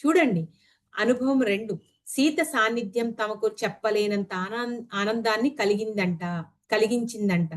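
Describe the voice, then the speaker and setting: Earnest woman teacher, higher voice. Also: normal speed. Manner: asks the listeners rhetorical questions; earnest and emphatic, with sudden rises in pitch. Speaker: spiritual teacher. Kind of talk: explaining a spiritual book to listeners.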